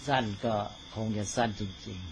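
The recording has a little hiss or hum. On it, a male Buddhist monk teaches the dharma informally to fellow monks, speaking slowly and deliberately and repeatedly making sure they understand.

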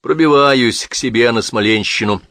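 A man voicing a wary young soldier who answers calmly and tersely. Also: medium pitch, normal speed, no echo, clean studio sound, close to an everyday voice. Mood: guarded. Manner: calm, terse.

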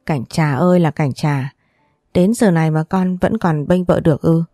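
A woman's voice: low-pitched, moderate pace, dark tone, no room sound, studio quality, faint music behind, lightly acted. Woman reading as a stern old grandmother. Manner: scolding, authoritative. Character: stern, commanding elderly grandmother, matriarch.

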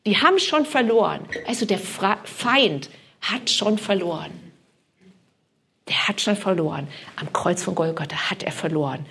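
A woman's voice: fairly low pitch, measured pace, fairly bright tone. A woman preaching fervently at a healing service, often dropping to a whisper and repeating hallelujah. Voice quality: breathy, often drops to a whisper. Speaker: preacher leading a healing prayer session. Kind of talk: charismatic sermon and prayer ministry.

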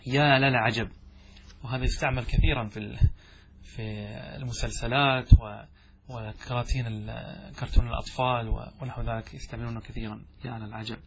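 A man's voice: mid-range voice, fairly even intonation, creaky, a little hiss or hum. A man teaching a classical Arabic grammar text, reading lines aloud and explaining them, often asking questions and answering them himself. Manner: slows and stretches example phrases.

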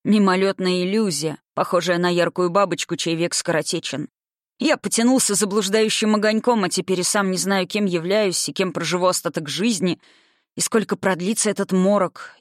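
A gloomy, self-doubting older man, put on by an audiobook reader. He speaks flat and subdued, without color, and the recording is dry. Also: mid-range voice, dry recording, close to an everyday voice. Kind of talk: audiobook reading.

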